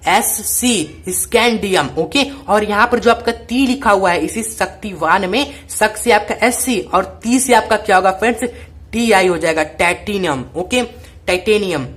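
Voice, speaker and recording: Teacher, woman, repetitive drill-style explainer, mid-pitched. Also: normal speed, fairly bright tone. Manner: repetitive, call-and-response drilling. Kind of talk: chemistry mnemonic lesson.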